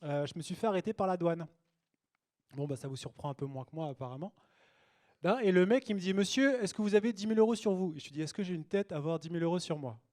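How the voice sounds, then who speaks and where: A man's voice: on the high side, quick pace, a little mellow. Cheeky young man doing stand-up. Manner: cheeky, chatty, loose delivery with fillers. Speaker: stand-up comedian. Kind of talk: stand-up routine. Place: small cabaret stage with a live audience.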